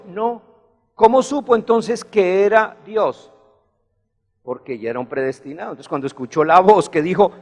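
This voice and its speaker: A man's voice: high-pitched, long reverb tail. A man preaching a sermon, rising into emphatic bursts as he retells a story.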